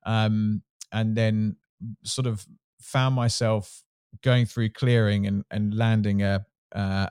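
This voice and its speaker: A man's voice: on the low side, darkish tone, dry recording, studio quality. A middle-aged man from Surrey with a southern English Home Counties accent, answering interview questions in a casual, candid, self-deprecating way. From Surrey, England. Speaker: interview guest, sports marketing executive.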